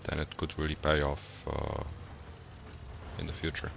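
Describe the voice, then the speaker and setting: This gaming streamer is a young man from Poland, a university student with Polish as his first language and a Polish accent. His very deep voice is monotone, a little slow, and creaky as he greets viewers and casually thinks aloud while searching for words. Game music and background noise play behind him.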